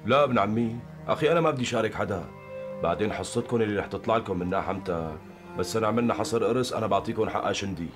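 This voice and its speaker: An actor playing a greedy, self-assured Damascene man in a TV period drama, brisk and wheedling. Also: lowish voice, music in the background, lightly acted. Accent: Damascene Arabic. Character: greedy, sly Damascene man after his in-laws' land.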